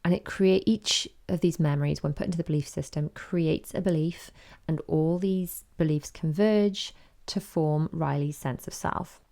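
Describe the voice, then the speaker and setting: A woman's voice: sits low, moderate pace, creaky, warm tone. A woman, hosting a podcast and chattily retelling a story with quoted voices. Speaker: podcast host. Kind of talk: casual chat.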